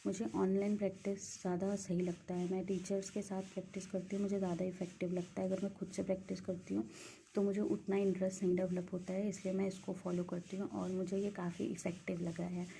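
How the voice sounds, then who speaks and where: A woman's voice: mid-range voice, creaky, mellow, a little hiss or hum. A young woman giving a casual screen-share walkthrough of study resources as a banking exam aspirant, mixing English words into her Hindi with frequent hesitation fillers.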